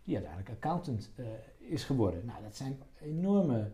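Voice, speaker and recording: A man's voice: medium pitch, very animated, normal speed, dark tone. A middle-aged man explaining things casually in conversation, often restarting phrases and repeating words. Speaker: interview guest, doctor.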